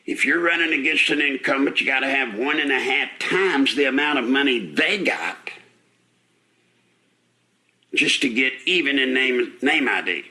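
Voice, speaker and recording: A man's voice: medium pitch, lively intonation, normal speed, sharp tone. An older man hosting a live talk radio show, out of breath, rambling folksy and indignant with rhetorical questions. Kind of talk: live call-in radio commentary.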